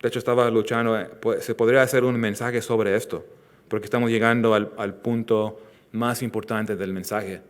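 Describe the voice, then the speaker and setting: A man preaching a sermon as pastor, earnest, rising loud for emphasis and dropping soft and slow on tender lines. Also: lowish voice, steady tone. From Southern California. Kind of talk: expository sermon.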